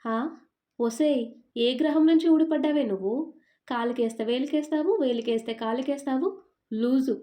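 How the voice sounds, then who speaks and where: A woman's voice: fairly high pitch, normal speed, warm tone, natural voice. A woman voicing an exasperated, blunt young husband who scolds and teases his wife.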